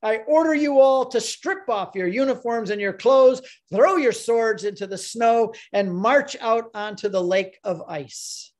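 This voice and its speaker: An actor-style speaker, a man, playing a harsh Roman prefect who proclaims orders loudly. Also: very high voice, measured pace, few pauses, voice pushed up. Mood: harsh commanding. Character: fierce Roman prefect, harsh male commander.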